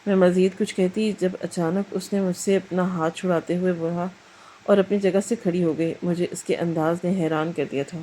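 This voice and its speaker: A woman narrating a first-person moral story in an even, reflective way. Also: fairly low pitch, slight background noise, poor audio.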